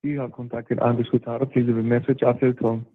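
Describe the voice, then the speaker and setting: Man's flat voicemail greeting over a phone. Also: mid-range voice, fast talker. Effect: voicemail greeting heard over a phone line. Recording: tinny, noisy phone line.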